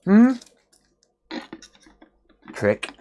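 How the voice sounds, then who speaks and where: While repairing a console on a live stream, a man chats casually with his audience, answering the chat sarcastically and swearing often. His voice is dark in tone and very slow.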